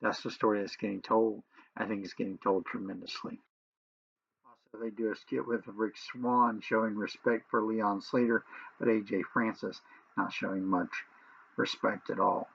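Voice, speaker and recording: Guy doing an opinionated wrestling recap, raspy n husky, pretty even tone, repeats stuff to make his point, kinda muffled lo-fi audio. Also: lowish voice, moderate pace. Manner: emphatic, repeats phrases for emphasis. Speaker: wrestling show reviewer. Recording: dull lo-fi sound.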